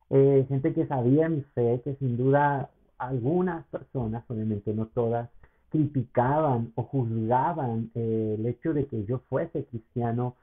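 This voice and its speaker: A man's voice: mid-range voice, husky. A male pastor, giving an earnest, personal sermon that often turns to address the listener. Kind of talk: sermon podcast talk. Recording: tinny phone-like sound.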